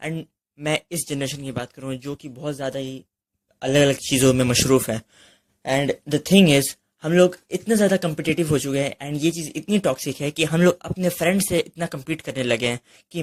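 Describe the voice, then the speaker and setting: A man's voice: a little high, moderate pace. Earnest young man urging his listener. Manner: mixes English phrases into Hindi speech. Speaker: motivational speaker. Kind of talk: motivational monologue.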